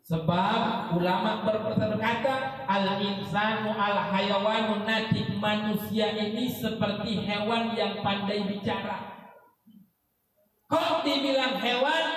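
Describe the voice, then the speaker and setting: A high-pitched male preacher delivers a lively, joking sermon and keeps prodding the congregation with questions. His voice rings through a big echoing hall with a long reverb tail. He sounds set back from the mic. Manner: animated, teasing the congregation with questions. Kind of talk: humorous sermon at an akikah gathering. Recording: echoey hall, mic heard from a distance.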